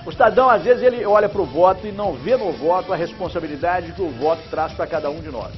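An older man gives animated, chatty commentary from a TV studio, leaning hard on his points. His voice sits a bit high for a man. Faint music plays under the slightly dull broadcast sound. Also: fast. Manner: emphatic, chatty, gestures while talking. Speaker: TV news presenter. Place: TV news studio. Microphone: lapel mic.

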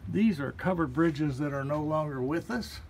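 An artist gives a casual walking tour of a small art gallery, showing visitors around and pointing out the paintings one by one in a relaxed, folksy manner. It's filmed on a handheld phone camera. His voice is fairly high-pitched, at normal speed, with a little hiss or hum.

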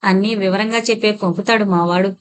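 A woman voicing a kindly old grandfather who speaks softly and soothingly to a small girl. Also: mid-range voice, fairly even intonation, a little fast, lightly acted. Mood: gentle. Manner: soft, soothing, hushed.

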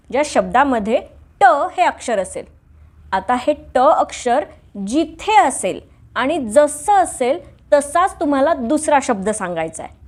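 Slow, lively woman teaching children. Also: sits high. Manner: slow, lively, drills letters with clapping. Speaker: teacher and host of a home-learning show. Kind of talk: children's alphabet lesson.

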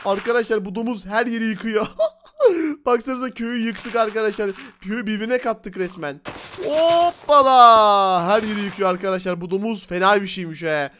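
A man doing excitable, laugh-filled let's play commentary on a Minecraft game for his viewers. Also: high voice, fairly quick, slight background noise. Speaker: gaming YouTuber.

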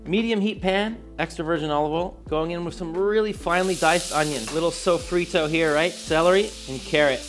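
A man in his thirties hosting a home cooking tutorial in a kitchen, enthusiastic with playful asides. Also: fairly high pitch. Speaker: cooking show host.

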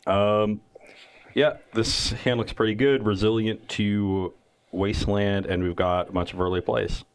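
A man's voice: fairly low pitch, level tone, a little slow, clear, resonant tone. A man co-hosting a card game match, explaining strategy in long, analytical sentences in casual commentary.

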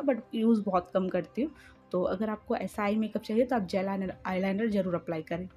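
A young woman narrating her makeup tutorial as a voice-over, speaking slowly and softly at night with a chatty, friendly manner. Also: medium pitch. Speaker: beauty vlogger. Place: room in a house by a main road at night. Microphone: home voice-over recording.

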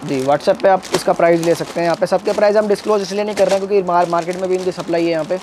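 A man's voice: sits high, steady tone, rapid-fire, noisy background. A man hosting a walkthrough of a wholesale market, upbeat and repeating prices for viewers. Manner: upbeat, repeats prices and urges ordering from home. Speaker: video host touring a wholesale market.

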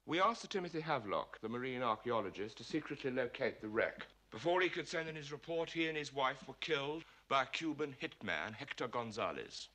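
Senior British intelligence chief, grave commanding briefing, crisp forceful tone, film drama. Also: male voice, mid-range voice, sing-song, fairly quick, few pauses.

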